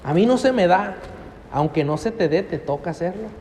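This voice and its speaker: Speaking at a normal speed with lively intonation, this middle-aged Mexican pastor has a high, darkish voice as he preaches emphatically in a church hall, piling on rhetorical questions. There's slight background noise and long reverb from the hall.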